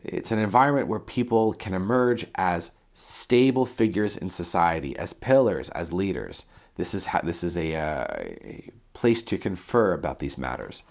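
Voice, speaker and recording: Man, slightly low pitch, stuffy blocked nose, sick, deliberate coaching lesson delivery. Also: expressive. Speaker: self-development coach and video presenter. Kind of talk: talking through notes in a self-help lesson.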